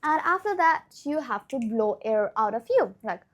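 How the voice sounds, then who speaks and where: A young woman giving an informal pronunciation lesson, repeating example words slowly and often checking that the listener follows. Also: a little high, big pitch swings. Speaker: English pronunciation teacher.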